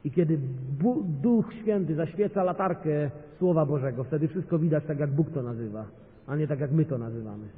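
A man preaching a sermon as a guest pastor, speaking with passion and building to loud, emphatic peaks. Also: fairly high pitch, fairly quick. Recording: tinny phone-like sound in a reverberant hall.

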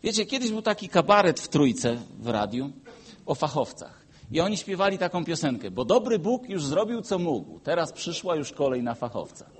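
A man delivers a sermon in a high, animated voice that climbs and drops all over the place. He tells stories, rising to forceful, emphatic peaks and then dropping into quiet, low asides. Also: moderate pace, husky. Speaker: pastor.

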